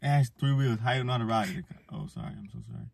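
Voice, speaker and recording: A man's voice: on the low side, huge pitch swings, racing, creaky, a little mellow, husky, no room sound. A man hosting a vlog, teasing and rambling jokily through a blindfolded date skit. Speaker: vlog host.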